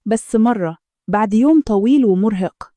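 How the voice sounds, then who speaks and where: A woman's voice: mid-range voice, moderate pace, warm tone, no echo. A woman with an Egyptian Arabic accent telling a first-person story in scripted narration, in an intimate, confessional way.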